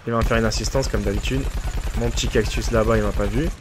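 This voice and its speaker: Excitable man in let's play commentary. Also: fairly low pitch, quick pace, background noise. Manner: excitable, joking, teasing the enemy players; chatty with viewers. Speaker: gaming video creator.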